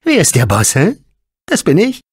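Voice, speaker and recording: A man voicing a chatty, nervous male robot sidekick in a dubbed video game, talking in an excitable rambling way. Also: a little high, unhurried, breathy edge, no echo, clean studio sound, exaggerated voice. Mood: resentful.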